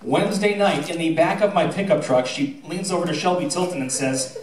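A middle-aged high school theatre director gives an informal onstage speech full of anecdotes and thank-yous, projecting in an animated way with a fairly high, brisk voice. He speaks into a handheld mic through the PA, and the roomy, distant recording was filmed from the audience with background noise.

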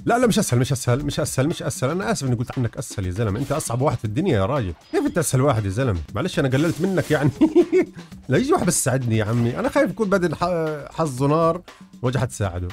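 Male gamer, breakneck delivery, lively up-and-down pitch, faint music behind. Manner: hurried, repeats phrases, teasing. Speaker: gaming YouTuber. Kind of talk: excited gameplay commentary.

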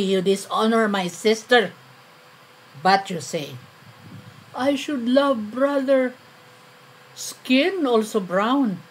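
A woman with a Filipino accent reading a poem in the voice of an aggrieved mountain villager, speaking in blunt, halting, accusing broken English. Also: mid-range voice, creaky, fairly bright tone, a little hiss or hum. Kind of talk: dramatic poetry reading.

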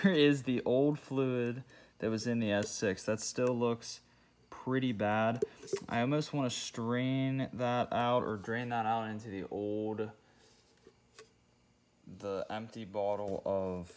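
In his home garage on a concrete floor, a young car DIY channel host talks casually through a car repair step by step, thinking aloud as he works. His voice is mid-range and a little mellow.

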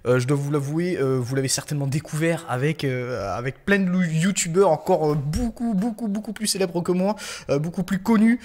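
Gaming vlogger, male, slightly high voice, halting delivery full of fillers, sudden excited bursts. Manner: hesitant, many fillers and restarts, excitable outbursts. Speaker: gaming YouTuber. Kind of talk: casual gameplay commentary.

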